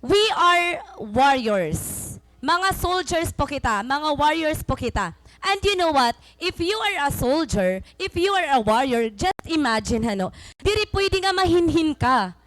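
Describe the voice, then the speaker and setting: A young woman preacher from Samar with a Waray Filipino accent gives a sermon, switching between Waray and English in an animated, teaching way. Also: high-pitched, a little slow, no echo, poor audio. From Samar, Philippines. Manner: animated, mixing Waray and English mid-sentence; teaching, repeats and defines key words.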